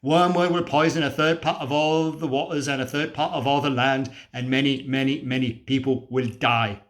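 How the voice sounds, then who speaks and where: A man with a natural, medium-pitched voice, fairly even intonation and a moderate pace performs a dramatic monologue as a cynical, feverish, scornful apocalyptic drifter. The mood is fervent as he rants emphatically and preachily, with swearing and rhetorical questions.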